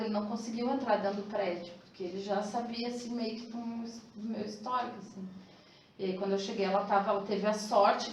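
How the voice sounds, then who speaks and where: Woman in a very echoey room. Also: fairly high pitch. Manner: hesitant, rambling, many fillers. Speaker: class participant sharing a testimony. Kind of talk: personal testimony. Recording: very echoey room, distant mic, faint noise.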